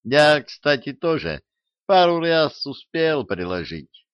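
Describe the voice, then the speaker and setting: A male narrator voicing a sly, quick-witted swindler who talks in a wry, needling way, in a dull, dry recording. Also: fairly high pitch, very animated, clear, resonant tone, no echo, pitched above the performer's own voice. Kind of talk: audiobook character voice.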